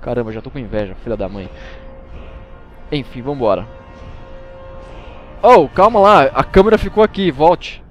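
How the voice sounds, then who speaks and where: Joking Brazilian gaming host. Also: male voice, mid-range voice, animated, normal speed, long pauses, faint music behind. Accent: Brazilian Portuguese. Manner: joking, exclamatory, chatty with viewers. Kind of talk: comic let's play commentary.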